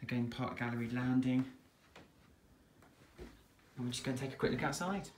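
Touring a detached house and its back garden, an English man working as an estate agent narrates at normal speed in a mid-range voice. His tone is relaxed and chatty, just plain sales patter, recorded on a handheld phone camera with a little hiss or hum.

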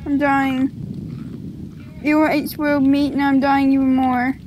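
Very high-voiced woman, squealy and giggly, unhurried talk, faint background noise. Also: little pitch movement. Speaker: gaming channel co-host. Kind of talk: casual gaming chatter.

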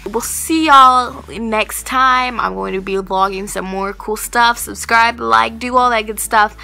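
Upbeat young woman, vlog outro, speech thickened by a retainer in her mouth, bright tone. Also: fairly high pitch, steady tone, unhurried, vocal fry, faint music behind. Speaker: vlogger. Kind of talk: casual vlog sign-off.

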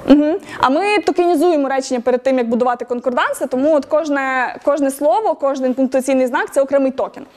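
A high-pitched woman talks quickly as she runs a lively tech meetup lecture. She quizzes the audience, praises their answers and laughs easily between points. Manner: laughs often, lively and encouraging.

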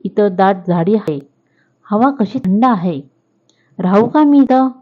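A woman's voice: mid-range voice, animated, slow. A woman voicing a grand male lion who respectfully asks for shelter in a children's story. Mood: pleading. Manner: respectful, pleading. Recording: tinny phone-like audio.

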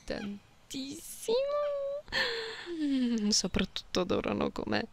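Speaking in a gravelly mid-range voice, a woman plays a gentle, playful cat-girl, genetically modified, who comforts someone lonely. Soft and intimate, she often whispers, keeping things slow, soothing and teasing, with meows and purry hums. The ASMR recording is close and binaural, with faint background noise.

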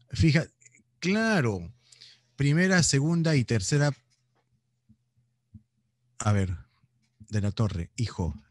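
Joking Peruvian male teacher, lively pitch. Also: husky, dry recording, clean studio sound. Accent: Peruvian Spanish. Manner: teasing, scolds students playfully, laughs often. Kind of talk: joking online class lecture.

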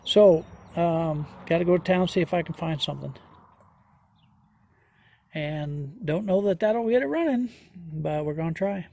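Slow-talking folksy man fixing an engine. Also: fairly high pitch, vocal fry, dark tone. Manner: slow, folksy, thinks aloud with many fillers. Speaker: homesteader vlogger. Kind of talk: hands-on repair walkthrough. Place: outdoors in a yard.

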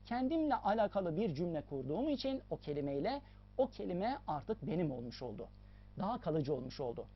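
A woman teacher explains a lesson in a lively, sing-song way, her pitch rising and falling a lot as she stresses and repeats key points. The recording sounds a little dull and lo-fi. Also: fairly quick. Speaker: English teacher.

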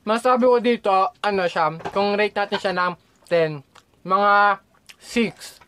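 A woman's voice: medium pitch, measured pace, fairly bright tone, a little hiss or hum. Chewing Filipino woman vlogging with her mouth full. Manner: chatty, keeps addressing viewers as guys. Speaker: mukbang vlogger. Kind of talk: casual food-review vlog. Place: hot indoor room with electric fans.

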